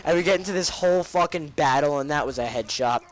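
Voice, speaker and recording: A man's voice: fairly high pitch, fairly quick. A man telling crude school stories over gameplay commentary, rambling, swearing, and drifting off topic. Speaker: gaming commentator. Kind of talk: casual game commentary and storytelling.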